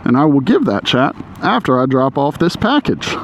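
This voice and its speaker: A man's voice: medium pitch, big pitch swings, moderate pace. A man chatting casually and ramblingly into a helmet microphone while riding a motorcycle outdoors, with wind hitting the mic. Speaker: motorcycle vlogger. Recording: loud wind and engine noise on mic. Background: wind, motor and road noise.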